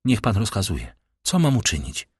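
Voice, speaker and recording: A man's voice: fairly low pitch, huge pitch swings, normal speed, husky, no room sound, studio quality, exaggerated voice. A man reading aloud and voicing a frightened, pious young noblewoman in a pleading, tremulous way.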